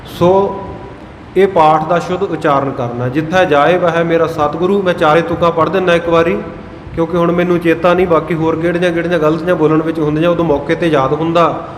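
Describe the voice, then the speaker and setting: Preacher in an echoey hall. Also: male voice, a little high, fairly even intonation. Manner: chants scripture lines slowly, then explains. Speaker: Sikh preacher (giani). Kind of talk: gurbani pronunciation sermon. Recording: echoey hall with faint noise.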